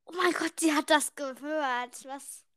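A woman's voice: sits high, fairly even intonation, measured pace, a bit bright. A woman in casual, playful chat, asking questions as a partner in a challenge.

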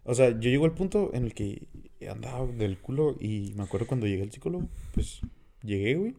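Casting: young man, northern Mexican accent, mid-pitched and rapid, slangy sweary podcast storyteller. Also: animated, vocal fry, warm tone. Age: young adult. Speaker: podcast host. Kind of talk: casual chat with personal storytelling.

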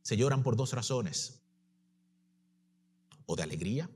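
Husky-voiced impassioned male preacher. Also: mid-range voice, animated, a little slow. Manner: impassioned preaching that drops to soft, tender delivery. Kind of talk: sermon.

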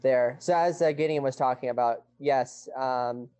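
A man's voice: mid-range voice, unhurried, dark tone, a little hiss or hum. A man co-hosting a casual news discussion over a remote call whose audio keeps dropping out and cutting back in. He halts, restarts, and checks whether he can be heard. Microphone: remote call microphone.

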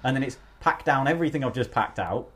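A man's voice: mid-range voice, expressive, fast talker, fairly bright tone. A young man hosting a casual podcast chat, rambling through stories and swearing freely. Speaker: podcast host.

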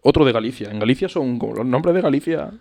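A man's voice: medium pitch, lively intonation, fast talker, gravelly, mellow. A man co-hosting a casual chat podcast, playful and amused as he reads out odd facts. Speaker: podcast co-host.

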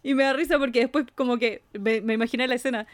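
Young Chilean woman, podcast co-host, slangy animated storyteller, higher voice, dry close sound. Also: fast, no echo. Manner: animated retelling with slangy asides and frequent laughter. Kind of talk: casual chat.

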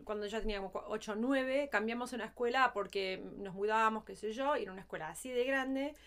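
A woman's voice: fairly high pitch, fast, a bit bright. Chatty woman, light Argentine accent. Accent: light Argentine Spanish. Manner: chatty, storytelling with asides. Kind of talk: casual chat.

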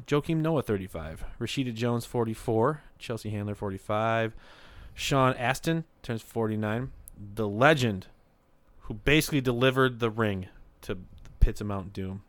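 A man's voice: mid-range voice, moderate pace, smooth, no room sound. A male podcast host in casual chat, joking and reading off a list with running asides. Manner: jokey, reading off a list with asides and loud laughs.

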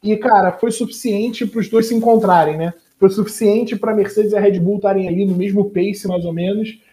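A man's voice: sits high, fairly even intonation, normal speed, dark tone. A man with a Brazilian accent chatting casually and slangily on a sports podcast.

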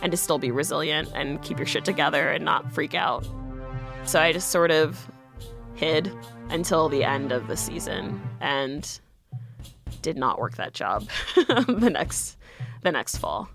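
Low-voiced chatty woman telling a story. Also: expressive, unhurried, gravelly, over music. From United States. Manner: chatty, fillers of "like" throughout. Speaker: guest storyteller. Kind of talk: personal storytelling.

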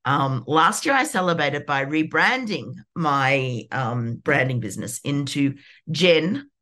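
Candid, animated woman in her fifties. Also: deep voice, slow pace. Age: 50s. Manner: animated, candid, peppered with "you know". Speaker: podcast host. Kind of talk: personal reflective monologue.

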